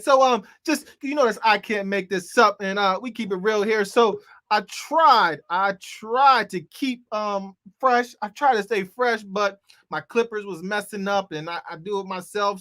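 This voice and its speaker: A man's voice: high-pitched, normal speed, fairly bright tone. Hyped man hosting a live comedy show. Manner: hyped, loose, talks straight to the audience. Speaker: host.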